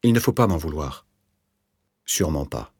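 A man's voice: expressive, normal speed, darkish tone, breathy edge, no room sound, clean studio sound, heavily acted. A man doing a jittery, defensive rentier. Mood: vehement. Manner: agitated, defensive, raised pitch. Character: anxious, touchy middle-aged male rentier. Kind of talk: audiobook character voice.

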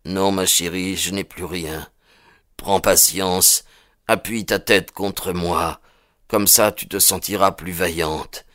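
A rough, weary frontiersman speaking with grave, slow tenderness, read by a man in an audiobook. His voice is very low and sits dry and close. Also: steady tone, a bit bright, no room sound. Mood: tender. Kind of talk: audiobook character voicing.

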